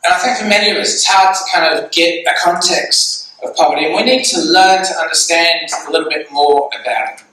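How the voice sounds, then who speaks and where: Earnest Australian male guest speaker, chatty storytelling, bright voice recorded from afar in a reverberant church. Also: fairly high pitch, brisk, hardly any pauses, a little hiss or hum. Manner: earnest, conversational, with restarts. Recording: echoey church hall, far from mic.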